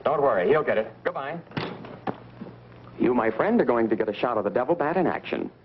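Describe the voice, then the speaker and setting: An American actor playing a brisk, sly newspaper reporter in a 1940s B-movie style. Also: male voice, mid-range voice, lively intonation, natural voice. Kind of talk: 1940s B-movie film acting. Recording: muffled, noisy vintage film soundtrack.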